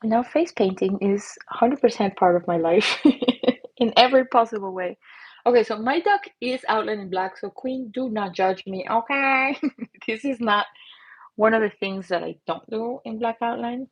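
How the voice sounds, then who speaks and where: A woman's voice: a little high, moderate pace, slightly rough, low-quality recording. A woman hosting a live painting stream, chatting with viewers in a bubbly, giggly way as she paints. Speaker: livestream host and face painter. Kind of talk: casual live-stream chat while painting.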